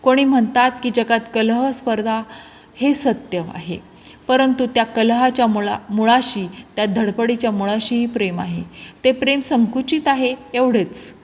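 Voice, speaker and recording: A woman reads a classic novel aloud in a steady, expressive storytelling voice. Her pitch sits on the higher side. A long reverb trails each sentence. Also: a little slow. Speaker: narrator. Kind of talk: audiobook narration of a classic novel.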